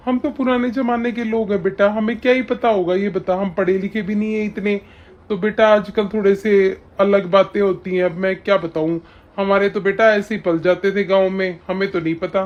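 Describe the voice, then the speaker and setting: A man playing a gentle old grandfather from the village who dotes on the baby and humbly apologizes, in an amateur family drama. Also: high-pitched, little pitch movement, normal speed, muffled recording, natural voice. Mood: apologetic. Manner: soft, humble, coaxing.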